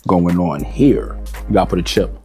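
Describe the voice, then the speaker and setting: A man's voice: low voice, animated, moderate pace, warm tone, faint music behind. A man, chatting casually and boastfully as a cooking contestant tasting food. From New York. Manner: boastful, streetwise, easygoing.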